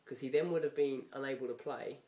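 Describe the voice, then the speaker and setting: A man's voice: medium pitch, brisk, recorded from a distance. Chatty English man in an echoey room. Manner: chatty, lively, laughs often. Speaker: podcast host. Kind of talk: casual football chat.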